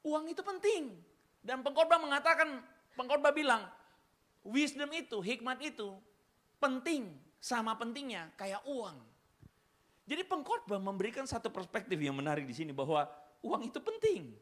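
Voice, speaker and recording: A male pastor preaching a sermon in church, telling stories with animated asides and English words mixed in. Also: very high-pitched, normal speed.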